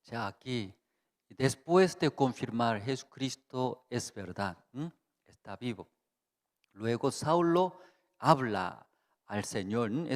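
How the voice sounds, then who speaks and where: A man preaching at a Bible seminar, halting and repetitive, constantly checking in with the congregation. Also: mid-range voice, big-room sound. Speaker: pastor. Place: church hall.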